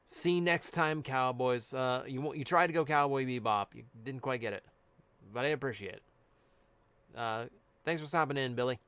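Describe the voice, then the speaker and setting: A man's voice: medium pitch, normal speed, fairly bright tone, clean tone, no room sound. A man chatting casually on a live stream, reading out cards and answering chat. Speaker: streamer opening card packs.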